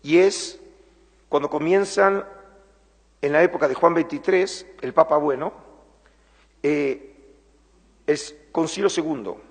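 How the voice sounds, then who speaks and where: This middle-aged Argentine lecturer and museum curator speaks English with an Argentine Spanish accent, Spanish being his first language. In a husky voice on the high side, he gives a public lecture in a large former synagogue hall with long reverb, earnest and measured, slowing down and stretching key words to emphasize them.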